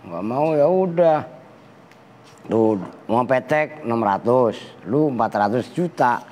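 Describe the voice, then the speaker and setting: A man's voice: mid-range voice, expressive, slow, a little mellow. A man with a Betawi Jakarta accent, a kyai teaching Arabic grammar to students in a casual, slangy, teasing way. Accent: Betawi Jakarta Malay. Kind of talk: casual classroom lesson with banter. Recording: reverberant hall with faint background noise.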